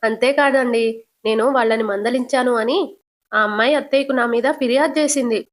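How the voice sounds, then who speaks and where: An outspoken young daughter-in-law presses her point with insistent earnestness, voiced by a woman narrator. Her voice is a touch high. She sounds like a soap heroine retold at home. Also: fairly even intonation, a little fast, close to an everyday voice.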